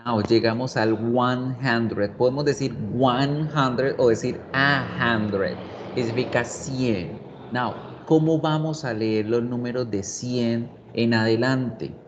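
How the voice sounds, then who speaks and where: A man teaching English in a slow, patient way, laying out each point carefully for his students. His voice comes through dull and lo-fi, with faint noise in the background. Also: medium pitch. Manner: slow, patient, explains step by step. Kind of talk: online class explanation.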